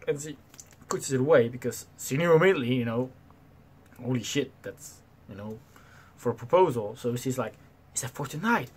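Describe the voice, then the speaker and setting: A young man in his twenties casually telling a story to his camera, animated and swearing freely, acting out the people in it, recorded in a small bedroom on a desk webcam. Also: mid-range voice, normal speed, breathy edge. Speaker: vlogger. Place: small bedroom with slanted ceiling, indoors.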